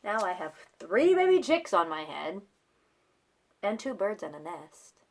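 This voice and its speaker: A woman voicing an excitable, easily flustered storybook elephant with dramatic, exclamatory questioning. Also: mid-range voice, a little slow, a little hiss or hum, pitched below the performer's own voice. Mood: exasperated.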